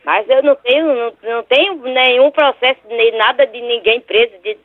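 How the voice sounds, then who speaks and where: A woman's voice: fairly high pitch, brisk, no room sound. A woman, heard over a landline phone, answering a prank call and scolding the caller indignantly. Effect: heard over a landline phone line. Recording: tinny dry phone line.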